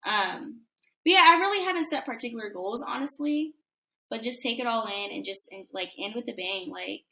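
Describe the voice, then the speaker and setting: A woman's voice: on the high side, expressive, normal speed, gravelly, pushed and bright. A young woman in her twenties, a college student guest, chatting in a casual interview over a video call, upbeat and full of fillers. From United States. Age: 20s.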